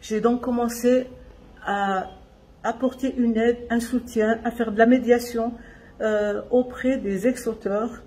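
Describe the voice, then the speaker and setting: An older woman giving personal testimony as an association founder, in deliberate phrases with pauses. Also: fairly high pitch, steady tone, dark tone, poor audio.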